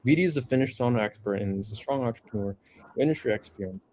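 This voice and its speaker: A man's voice: mid-range voice, very fast, a little mellow, a little hiss or hum. A man hosting a casual livestream Q&A, reading viewer comments aloud in a laid-back way. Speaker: livestream host.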